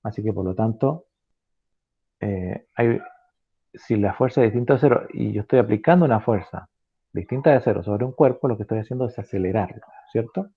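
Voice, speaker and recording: A male teacher gives an online physics lesson in a low, gravelly voice, working through each idea step by step and checking in with short tag questions. He pauses on fillers and corrects himself as he goes. The sound is husky and comes through a thin, phone-like line. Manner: halting, with frequent fillers and self-corrections.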